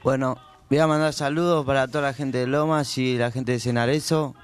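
A man's voice: mid-range voice, fairly even intonation, fairly quick, faint music behind. A man with an Argentine accent reading football results and lineups on a community radio show in a plain, listing way. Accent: Argentine Spanish. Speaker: sports segment reader.

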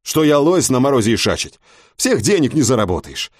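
Man voicing a crude lout, gruff and offhand, dry close audiobook. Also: medium pitch, very animated, fairly quick, dry recording, voice pushed up. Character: coarse male working-class lout.

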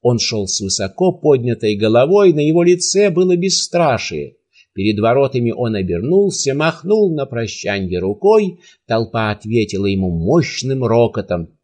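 A man reading a story aloud in an expressive storytelling manner. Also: medium pitch, moderate pace. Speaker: narrator. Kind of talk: audiobook reading.

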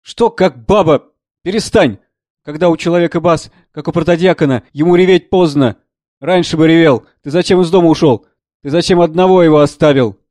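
Gruff, blustering old general-doctor in a read play, sharp mocking jabs, voiced by a man, on the high side, dry close sound. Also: brisk, no echo, lightly acted. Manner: blustering, mocking, shouts out bursts. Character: gruff, sardonic older male doctor, a general.

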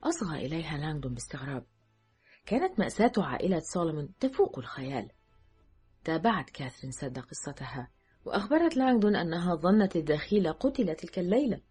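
A woman narrating an audiobook in a measured, steady storytelling manner. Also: sits low, breathy edge.

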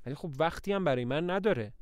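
A man's voice: on the high side, lively intonation, dry recording, studio quality, natural voice. A man doing a tense earnest young woman.

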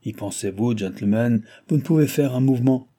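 A man's voice: medium pitch, brisk, mellow, lightly acted. A man voicing a tall, bony American doctor who speaks French with a guttural foreign accent, placid but firm and grumbling. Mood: exasperated.

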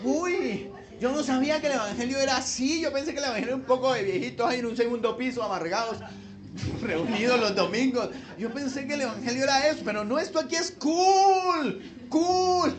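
A man's voice: very high voice, a little fast, crowd noise, voice pushed up. A man playing a young churchgoer who is thrilled by a trendy church, with squealing, breathless delight over music. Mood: gushing. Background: background music.

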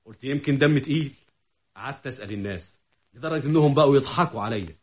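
An actor with an Egyptian accent playing an anxious, jealous young doctor in a vintage radio drama, fretful and sometimes shrill. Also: male voice, lively intonation, racing, close to an everyday voice. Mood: gloomy. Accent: Egyptian Arabic. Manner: fretful, turns bitter and shrill.

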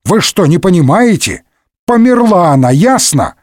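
A man voicing a big, weepy middle-aged musketeer in a comic audiobook, wailing and lamenting in slow, drawn-out complaints. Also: fairly high pitch, very animated, a little mellow, husky, no echo, clean studio sound, pitched above the performer's own voice, heavily acted.

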